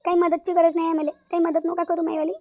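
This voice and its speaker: A woman's voice: extremely high pitch, little pitch movement, fast talker, warm tone, no room sound, studio quality. A woman voicing a devoted younger sister-in-law in a cartoon, earnest and insistent. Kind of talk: cartoon voice acting.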